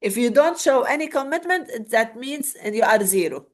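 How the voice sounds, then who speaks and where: With a Lebanese Arabic accent and an animated, slightly high voice at a moderate pace, a woman from Lebanon leads an interactive online workshop as a webinar trainer. Her habit is to repeat words and check in with "okay?".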